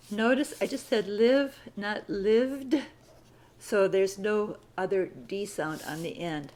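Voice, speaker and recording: Slow patient woman teaching spelling. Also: mid-range voice, darkish tone. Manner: patient, spells words out letter by letter. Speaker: citizenship writing teacher. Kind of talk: slow dictation lesson.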